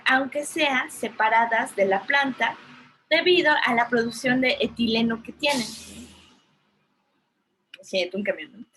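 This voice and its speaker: A woman's voice: medium pitch, fairly bright tone, slightly rough. A woman with a Mexican Spanish accent giving a recorded class lecture. She explains step by step and keeps adding little tag questions and fillers. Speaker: teacher.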